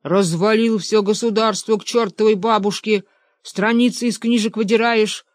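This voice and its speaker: Reader doing bossy older guy yelling orders, dry recording. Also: medium pitch, steady tone, normal speed, no echo, close to an everyday voice. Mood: blustering. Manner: bossy, blustering. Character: bossy older man, rebel father-in-law.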